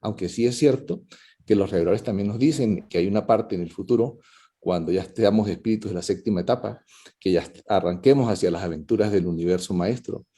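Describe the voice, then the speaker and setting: A man speaking over a video call with a deep, very mellow and dark voice. He explains his points in a thoughtful, searching way, full of fillers and restarts, as a participant commenting in an online talk. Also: a little fast. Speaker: conference participant. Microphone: video call microphone.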